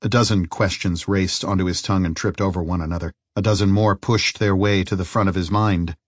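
A man narrating an audiobook in a steady, even storytelling manner. His voice sits on the low side, and the recording is dry and close with no room sound. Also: fairly quick, dry recording. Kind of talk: scripted narration.

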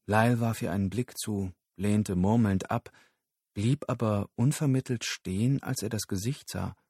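Low-voiced male audiobook narrator. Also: slightly rough, no echo, studio quality. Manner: steady, measured storytelling.

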